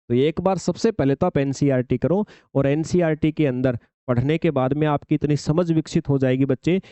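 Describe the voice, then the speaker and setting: A man's voice: on the high side, mellow, no echo. A male coaching teacher lecturing students through an exam syllabus, calling them children, repeating points and asking rhetorical questions.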